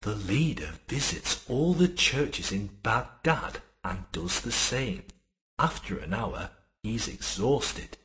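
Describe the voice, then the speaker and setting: A man narrating a comedy sketch in a flat, deadpan way. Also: on the low side, slow pace, voice pushed down. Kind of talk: scripted comic narration.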